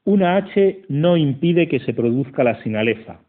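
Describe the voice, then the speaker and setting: A man reading a scripted lesson in a slow, methodical way, counting syllables aloud. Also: on the high side, expressive. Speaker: teacher. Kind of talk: scripted educational narration. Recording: tinny phone-like audio.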